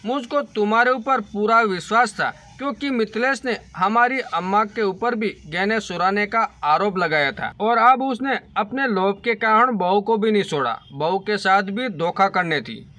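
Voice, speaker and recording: Man doing stern father-in-law, firm, authoritative, high bright voice, storybook. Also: moderate pace, hardly any pauses. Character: stern fair-minded father-in-law, shopkeeper.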